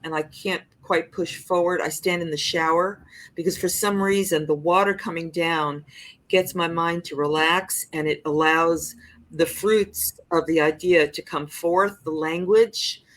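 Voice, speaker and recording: Speaking a little slowly, this older female singer-songwriter discusses her craft in a podcast interview, reflective and expressive, and often restarts what she's saying. Her pitch is fairly low and her intonation stays fairly even.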